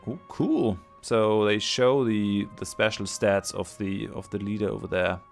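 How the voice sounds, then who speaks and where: With faint music behind him, a let's play host talks through a strategy game in a gravelly, lowish voice at a measured pace. His casual commentary is hesitant and thought-aloud, cluttered with fillers and restarts, and his voice is tiring.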